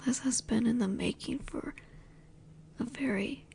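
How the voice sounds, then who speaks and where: With a creaky voice and slight background noise, this slow, soft-spoken young voice actor addresses a listener as a teasing, possessive roommate. She stays soft, low, and lingering, drifting into whispers.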